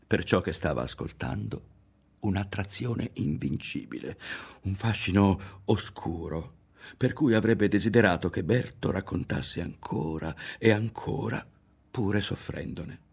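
A man reading a literary novel aloud in a measured, quietly dramatic way, close to the mic. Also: low voice, animated, gravelly, slightly rough. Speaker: audiobook reader.

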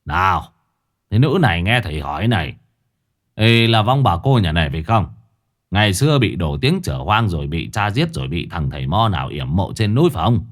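A man voicing a gruff, hard-drinking old male exorcist who scolds and gives blunt orders. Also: low-pitched, sing-song, a little fast. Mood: bossy.

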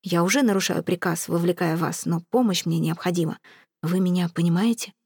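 A woman voicing a reserved young male aristocrat officer in an audiobook, speaking in a cold, measured way. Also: fairly low pitch, darkish tone, husky, no room sound, studio quality. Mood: confiding. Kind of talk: audiobook character reading.

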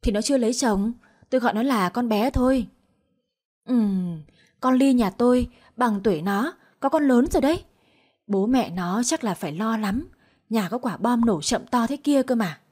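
A woman's voice: fairly high pitch, lively intonation, moderate pace, a little mellow, slightly rough. Woman doing a nosy older neighbor lady. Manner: gossiping, prying.

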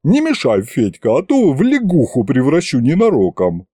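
A man voicing a brisk, sly old village witch woman who talks in a folksy, scolding, teasing way, in a storybook reading. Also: mid-range voice, huge pitch swings, mellow, husky, dry recording, clean studio sound.

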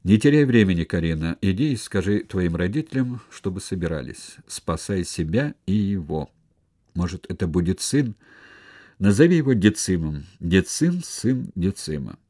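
A man playing a rough, grim Roman centurion. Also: low-pitched, big pitch swings, moderate pace, mellow. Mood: stern urging. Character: rough, scarred Roman centurion, stern and weeping.

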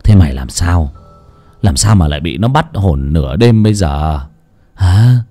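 A man's voice: low-pitched, expressive, measured pace, mellow, soft background music, voice pushed down, heavily acted. A man voicing a stern, tired middle-aged father who speaks curtly. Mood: gruff. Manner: gruff, tired, curt.

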